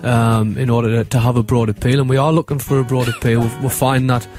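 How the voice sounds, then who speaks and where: Mid-pitched man explaining over faint guitar. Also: flat delivery, quick pace. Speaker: band member being interviewed. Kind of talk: casual radio interview chat.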